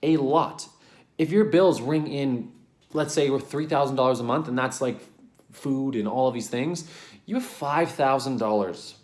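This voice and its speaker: A man's voice: mid-range voice, normal speed, a little mellow, roomy sound. A man, a relationship coach, talking earnestly to camera in a casual vlog, rambling and correcting himself with many ums, sometimes getting worked up.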